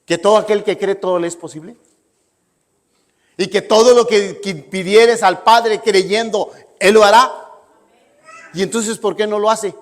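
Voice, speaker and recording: A man with a high voice preaches a sermon in an emphatic style, frequently asking the congregation "¿sí?" to check in. His intonation is fairly even and his pace measured, with frequent pauses, and a long hall reverb surrounds him.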